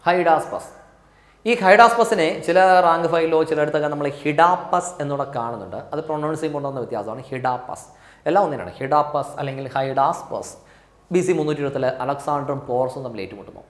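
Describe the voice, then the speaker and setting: A male teacher with a Malayali accent giving an exam coaching lecture, repeating key answers slowly for drilling. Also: a little high, roomy sound.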